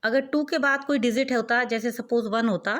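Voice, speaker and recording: A woman's voice: fairly high pitch, moderate pace, a bit bright. A woman teaching a maths lesson, explaining step by step and asking the viewer questions as she goes.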